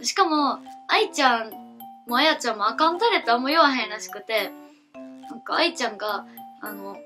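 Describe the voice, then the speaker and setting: Bright young woman with Kansai accent. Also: fairly high pitch. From Kansai, Japan. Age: late teens. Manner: chatty, giggly, relaxed and rambling. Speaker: newcomer voice actress, vlogger. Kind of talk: casual self-introduction vlog.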